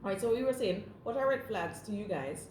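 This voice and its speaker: A woman's voice: medium pitch, a little fast. A woman co-hosting a casual chat, addressing viewers directly and animatedly. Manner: animated, talks to viewers as guys. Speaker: co-host. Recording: echoey room, faint noise.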